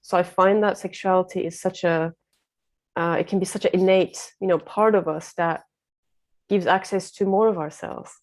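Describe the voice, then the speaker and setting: A woman's voice: lowish voice, steady tone, moderate pace. A woman from Turkey, a guest coach, speaking earnestly and reflectively in a casual conversation with many fillers.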